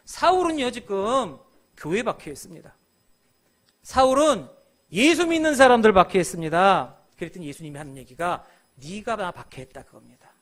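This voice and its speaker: A male pastor delivering a sermon in a church, his voice sitting high and leaping widely in pitch. He acts out the biblical characters as he preaches. His delivery is animated, with sudden loud bursts. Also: normal speed.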